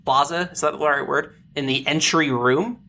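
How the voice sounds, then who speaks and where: A game master narrating a comedic tabletop game, describing scenes in plain detail and pausing now and then to search for words. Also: mid-range voice, creaky, bright, forceful tone.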